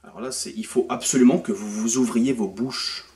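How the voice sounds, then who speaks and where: A young man from France talking casually to camera, animated and full of crude slang, as an au pair sharing language tips. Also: medium pitch, normal speed. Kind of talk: casual vlog monologue. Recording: voice slightly distant from mic.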